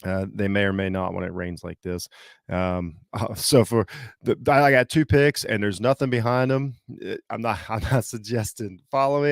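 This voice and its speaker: Gravelly man with a slight Southern accent. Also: lowish voice, no room sound, clean studio sound. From Southeastern Ohio. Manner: halting, many fillers and restarts. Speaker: podcast host. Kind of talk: casual solo sports talk.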